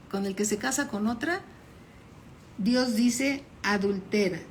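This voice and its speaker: A woman's voice: mid-range voice, darkish tone, a little hiss or hum. A woman pastor giving a Bible study sermon, reading verses aloud and explaining them, often checking in with her listeners.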